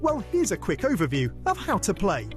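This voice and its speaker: A man delivers a polished scripted voice-over, his voice high and full of lively swoops. Faint music sits beneath the announcement. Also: fairly quick. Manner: polished, explanatory.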